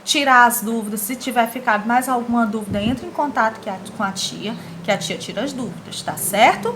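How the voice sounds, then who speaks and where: A woman's voice: a little high, fairly quick, background noise. A woman with a Brazilian accent teaching a grammar lesson to young schoolchildren. She speaks patiently and asks the class questions that she then answers herself. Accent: Brazilian Portuguese. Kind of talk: recorded remote grammar lesson for children.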